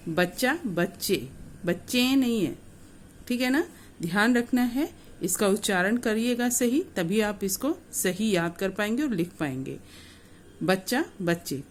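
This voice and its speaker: A woman's voice: mid-range voice, darkish tone, a little hiss or hum. A woman teacher giving a grammar lesson to school students, patiently repeating word pairs and mixing in English words. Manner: mixes English words into speech.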